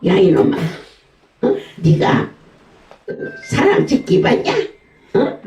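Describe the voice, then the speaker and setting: A man voicing a feisty, stubborn old grandmother with a high, shrill voice, during a sermon. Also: wildly swooping pitch, slow, a little mellow, faint music behind, heavily acted. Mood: scolding. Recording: echoey room, voice from far off.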